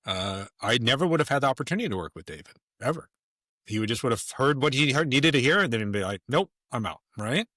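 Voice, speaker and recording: A man's voice: medium pitch, lively intonation, fast talker, bright, forceful tone, no echo, studio quality. A man talking as a podcast guest in casual conversation, emphatic and rambling, with many restarts.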